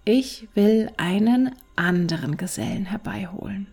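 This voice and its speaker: A woman voicing a crafty wandering male fiddler in a storybook, calm and commanding with a gravelly edge. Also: medium pitch, measured pace, soft background music.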